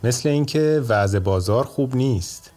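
A man voicing a shrewd, calm old male judge in a told folk tale, speaking in a measured way. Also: mid-range voice, soft background music, lightly acted.

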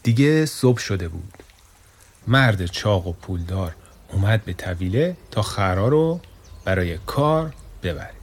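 A man narrating a children's story in a steady, plain way. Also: low-pitched, husky.

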